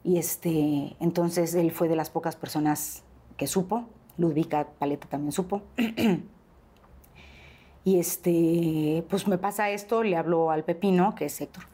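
A middle-aged woman with a Mexican accent, an interview guest telling a personal story in a lively way and often pausing on "este". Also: on the low side, breathy edge. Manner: animated storyteller, acts out quoted dialogue, frequent "este" fillers.

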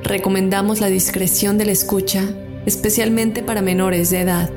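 A woman's voice: medium pitch, little pitch movement, normal speed, over music. A woman hosting a podcast, talking casually and chattily with fillers. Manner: chatty, warm-hearted, with fillers. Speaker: podcast host.

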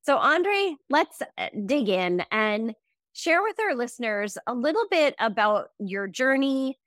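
A woman's voice: high voice, sing-song, a little slow, fairly bright tone, no room sound, studio quality. A woman hosting a podcast, introducing her guest with enthusiasm. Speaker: podcast host.

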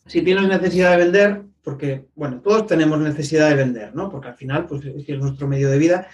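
A man with a fairly high voice asks the questions, thoughtfully rephrasing with hesitations. He sounds set back from the microphone. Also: quick pace, darkish tone, distant mic, muffled recording. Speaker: podcast host. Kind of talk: conversational interview questions.

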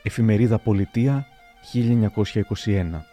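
A man narrating historical anecdotes aloud in a measured, storytelling manner. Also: lowish voice, warm tone, faint music behind.

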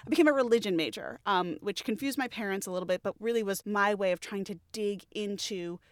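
A woman in her thirties from New York, United States, co-hosts a podcast and chats through a casual interview, often laughing and poking fun at herself. Her medium-pitched voice is brisk, recorded dry with studio quality.

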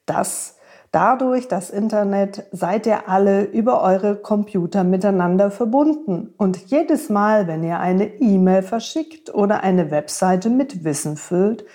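A woman voicing a wise, gentle horse who speaks tenderly and reassuringly to a young friend. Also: mid-range voice, lightly acted.

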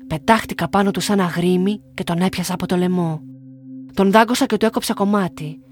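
A young woman from Greece reading her own story aloud in a calm, measured way. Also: on the low side. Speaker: narrator. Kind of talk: scripted first-person narration. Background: faint music.

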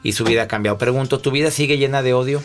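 A man hosting a talk show interview and asking questions in a lively, expressive way. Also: medium pitch, very fast.

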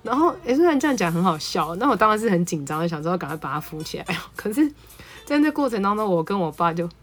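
A woman psychologist, telling a family story and reading a picture book aloud in a lively, laughing way. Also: fairly low pitch, quick pace, soft background music. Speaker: psychologist podcast host.

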